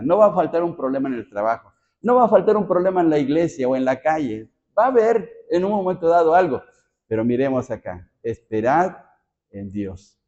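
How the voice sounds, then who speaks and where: A man's voice: on the high side, warm tone, muffled recording. A man preaching a Bible study sermon as pastor, asking the congregation rhetorical questions.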